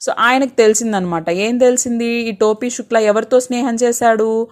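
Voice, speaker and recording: A woman's voice: a little high, steady tone, normal speed, darkish tone. A woman teacher explaining a textbook lesson to students. She reads a passage aloud, then explains it patiently, asking questions and answering them herself. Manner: patient, asks and answers her own questions.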